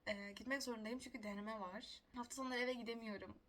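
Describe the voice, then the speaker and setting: A woman's voice: on the high side, fairly even intonation, fast talker, a bit bright. A young woman telling stories casually to the camera, chatty and self-mocking, laughing often. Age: young adult. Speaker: vlogger.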